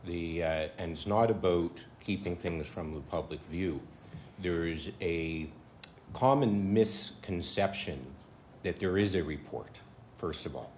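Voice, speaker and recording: Male solicitor, very low voice, careful cautionary advice to council. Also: unhurried, a little mellow, a little hiss or hum. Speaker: town solicitor. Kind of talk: legal advice at a council meeting.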